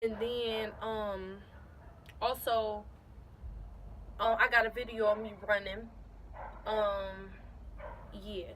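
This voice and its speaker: A young woman in her late teens telling a casual storytime to her camera, animated and repeating phrases for emphasis. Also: mid-range voice, slow pace, pauses often, slight background noise, low-quality recording. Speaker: vlogger.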